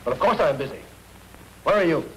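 A man's voice: on the high side, animated, fairly quick, close to an everyday voice, rough recording. A man playing a tough police detective who gives brusque commands, in 1930s film acting. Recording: old film soundtrack with faint hiss.

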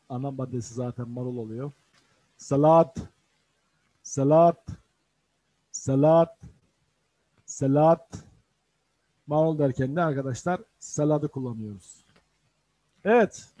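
A man with a Turkish accent teaching vocabulary in an online lesson, slowly repeating each word several times for learners. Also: medium pitch, a little mellow, no room sound. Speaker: language teacher.

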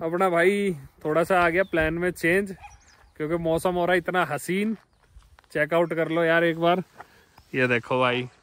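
A young Indian travel vlogger chats enthusiastically with his viewers, calling them brothers, first from inside a car and later on a mountainside. His voice is slightly high, pushed, and bright in this casual vlog.

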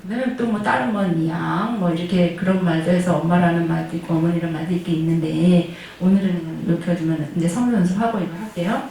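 A woman's voice: lowish voice, fast talker, few pauses, warm tone. A woman gives a Chinese pronunciation lesson, modelling syllables and tones aloud. She poses questions to her listeners and answers them herself. Her voice comes from a distance in a strongly echoing room with faint background noise. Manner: demonstrates tones and sounds aloud, sometimes singing them; asks the class questions she then answers. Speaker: Chinese language teacher. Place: classroom of a senior welfare center.

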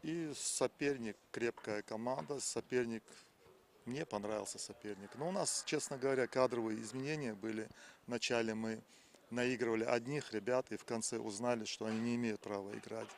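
A man in his fifties, a football coach, giving plain, halting, repetitive post-match answers outdoors into a handheld microphone. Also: mid-range voice, gravelly, a little hiss or hum. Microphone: interviewer's handheld microphone.

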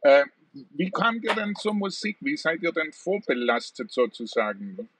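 A man's voice: fairly high pitch, animated, unhurried, distant mic, noisy background. A middle-aged man hosting an interview over a video call, chatty with many fillers. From southern Germany. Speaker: talk show host. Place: room at home with plants.

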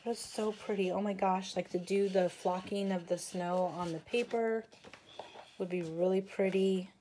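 A woman's voice: mid-range voice, fairly even intonation, moderate pace, mellow, slight background noise. A woman showing off her craft supply haul in a casual video, gushing over each item and saying she is tired. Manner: gushing, breathless exclamations. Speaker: craft vlogger.

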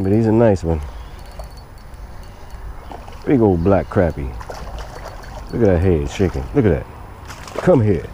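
A man filming himself fishing from a lakeshore with a head-mounted camera, talking excitedly to the fish as he reels them in. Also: lowish voice, a little hiss or hum. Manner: talks to the fish while reeling. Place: outdoors on a lakeshore. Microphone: head-mounted action camera.

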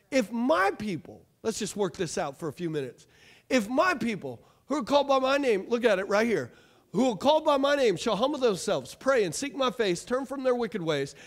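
Male pastor, 30s, very high voice, energetic stage preaching. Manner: animated, call-and-response preaching, pacing the stage. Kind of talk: sermon. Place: church stage, large room.

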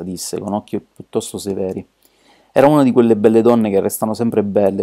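A man reading a classic detective story aloud as an amateur audiobook narrator, steady and measured. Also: lowish voice.

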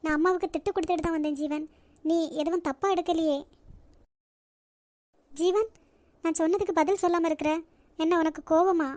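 A woman voicing a pleading, lovesick young woman in a cartoon, with a Nagercoil Tamil accent and a soft, pleading manner. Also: extremely high pitch, fairly even intonation, a little fast, long pauses, no echo. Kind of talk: cartoon voice acting.

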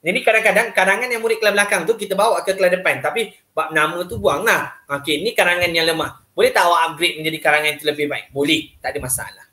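Chatty Malaysian man with a bright voice. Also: high voice, quick pace, hardly any pauses, echoey room. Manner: chatty, keeps checking in with listeners. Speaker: teacher trainer. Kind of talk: casual training talk to teachers.

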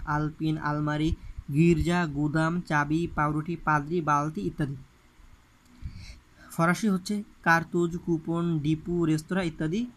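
Man, bangladeshi bengali accent, exam-prep lecture, fairly high voice, faint room hiss. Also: rough recording. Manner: reads word lists off the page, stressing what is important. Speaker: admission coaching teacher.

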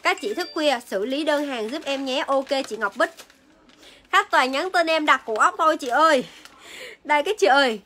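A young woman with a high, sharp voice chats casually as she sells on a livestream. She repeats phrases as she addresses her viewers. The phone recording carries clear background noise. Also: lively intonation, normal speed. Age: young adult. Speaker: livestream seller. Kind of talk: casual live sales chat. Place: indoor beauty shop room. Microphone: phone at arm's length.

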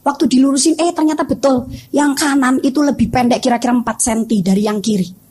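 A woman's voice: high voice, a little fast, a little hiss or hum. A woman pastor preaching a sermon, telling stories and acting out the voices of the people in them. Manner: animated, acts out voices in her stories. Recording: radio broadcast.

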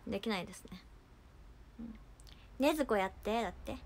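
A young woman casually chatting on a livestream, reading viewer comments with playful giggles and trying quick cartoon impressions. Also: medium pitch, lively intonation, slight background noise. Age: young adult.

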